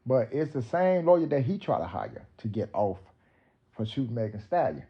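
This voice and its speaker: Brief: male host, mid-pitched, casual profane slang commentary, dull lo-fi recording. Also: big pitch swings, moderate pace. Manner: loose, profane, street slang.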